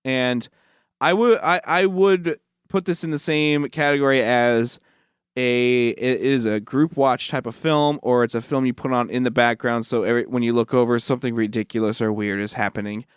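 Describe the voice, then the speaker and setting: A man co-hosting a film podcast, relaxed and measured as he gives his rating. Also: mid-range voice, clear, resonant tone, no echo, studio quality. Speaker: podcast co-host. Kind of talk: casual film review chat.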